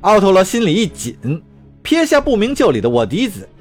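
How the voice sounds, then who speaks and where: A man narrating an audio drama in an expressive, dramatic way. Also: high-pitched, brisk, faint music behind.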